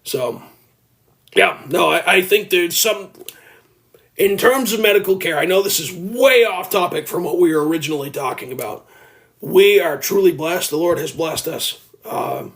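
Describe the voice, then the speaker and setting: This livestream host, a man in his early twenties, has a high-pitched, fairly bright voice and a moderate pace. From his home, speaking into a phone, he holds forth earnestly and at length on a casual stream, reading out viewer comments, with occasional gravelly moments.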